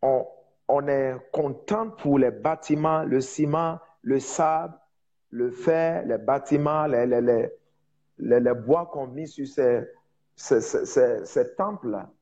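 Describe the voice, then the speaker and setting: Male evangelist, non-native French speaker with foreign accent; mellow, emphatic and repetitive delivery, dull recording. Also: mid-range voice. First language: not French, speaks it as a second language. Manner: emphatic repetition, halting word searches. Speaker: preacher, prophet. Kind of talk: informal evangelistic teaching.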